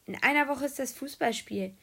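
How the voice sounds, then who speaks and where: A woman's voice: sits high, brisk, creaky, a bit bright, slightly rough, pitched above the performer's own voice, heavily acted. A woman voicing a friendly schoolboy who acts innocent in a children's audiobook. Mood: coaxing.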